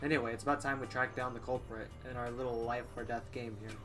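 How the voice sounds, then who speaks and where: A man's voice: mid-range voice, little pitch movement, quick pace, over music. A man co-hosting a let's play, reading game dialogue aloud with casual commentary.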